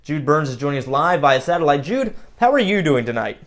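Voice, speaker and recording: A man's voice: on the high side, big pitch swings, a little fast, fairly bright tone. A man playing a polished, pointed and smug live TV news host in a screen drama. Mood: slick, poised. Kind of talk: broadcast interview acting.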